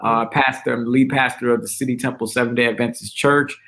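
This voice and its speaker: A man, speaking as a pastor guest in a relaxed interview. He talks in a chatty, easygoing way and pokes fun at himself. His voice has a middling pitch for a man. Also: fast talker. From Brooklyn, New York. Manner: relaxed, chatty, self-joking. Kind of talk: casual interview chat.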